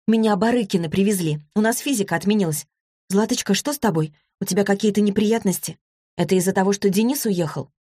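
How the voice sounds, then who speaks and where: A woman's voice: medium pitch, fast talker, mellow, husky, dry recording, clean studio sound, voice pushed up, natural voice. A woman reading a story, voicing an anxious, affectionate teenage girl who talks in an eager, pleading way.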